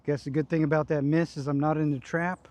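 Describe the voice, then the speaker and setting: Casting: male amateur golfer, slightly higher-pitched, mellow voice, understated self-narrated golf commentary in clipped phrases. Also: flat delivery, a little fast, dry recording. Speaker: amateur golfer recording his own round. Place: outdoors on a golf course.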